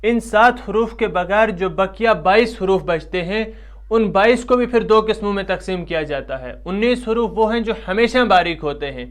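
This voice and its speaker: A man with a high, smooth and resonant voice gives a Quran pronunciation lesson in a Pakistani Urdu accent. He talks patiently, drawing out each letter and saying it again and again so listeners can copy it. His teaching is steady and methodical. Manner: patient, repeats letters loudly and slowly to model pronunciation. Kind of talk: tajweed lesson.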